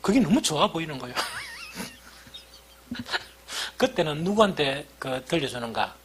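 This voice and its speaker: A man's voice: a little high, sing-song, quick pace, a bit bright, slight background noise. A middle-aged male pastor with a Gyeongsang dialect accent, preaching a sermon with folksy, self-deprecating stories.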